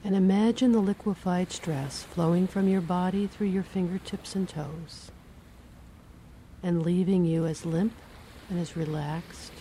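Low calm woman reading a relaxation script real slow, soothing. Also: slight background noise, low-quality recording. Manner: slow, soothing, measured phrasing. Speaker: hypnosis guide.

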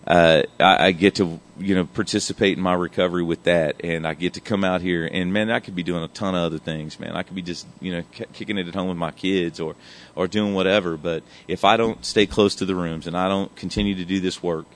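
A man with a deep, brisk voice and fairly even intonation gives a candid personal testimony about his recovery. It's emotional and rambling, peppered with "man" and casual swearing.

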